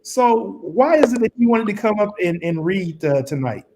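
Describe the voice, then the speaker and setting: A man's voice: high-pitched, expressive, moderate pace. Man on a crackly, staticky line. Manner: encouraging and welcoming toward a child guest. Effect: crackly, staticky phone-like line. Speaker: co-host of a virtual reading event. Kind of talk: casual online event hosting. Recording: crackly noisy call line with clicks.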